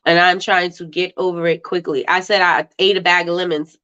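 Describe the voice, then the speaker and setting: A woman with a stuffy, congested voice hosts a casual livestream, reading viewer comments, laughing often, and repeating herself. Her lowish voice is flat in delivery, a little fast, with a bright, forceful tone. The livestream audio is slightly dull and lo-fi.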